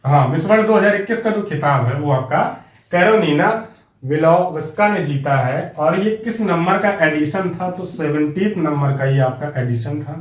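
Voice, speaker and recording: In an echoey room, a man with an Indian accent teaches an exam-prep class at a moderate pace. His voice sits on the high side with lively intonation, and he drills key facts repetitively while addressing his students directly.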